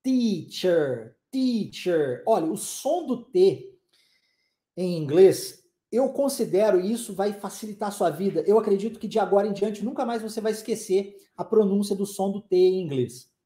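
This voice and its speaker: A man's voice: sits high, normal speed, dark tone, reverberant. A man with a Southeastern Brazilian accent teaching an online language lesson, playful and making sound effects to show pronunciation. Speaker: English teacher.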